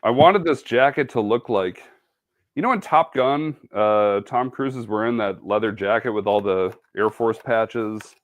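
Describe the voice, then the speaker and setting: A sewing ambassador runs a casual, chatty live-stream demo, poking fun at himself and humming or making little beep noises while he works. His voice is on the low side, and he speaks at a measured pace.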